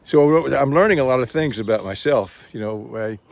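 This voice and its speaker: A man's voice: medium pitch, animated, moderate pace, gravelly, no room sound. A man with a Texan accent, talking casually to his phone while walking outdoors on a trail, rambling and thinking aloud. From Texas. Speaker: vlogger.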